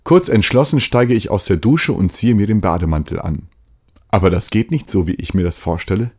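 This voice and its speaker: A man reading a scripted first-person account of his own story in a plain, steady way. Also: lowish voice, a little fast, breathy edge.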